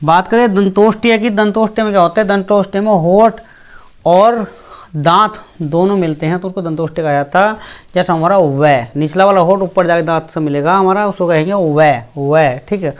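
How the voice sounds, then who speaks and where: Teacher with a smooth, resonant voice. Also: mid-range voice, moderate pace. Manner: asks the class questions and answers them itself; repeats points and fills with "theek hai". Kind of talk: grammar lesson explaining speech sounds.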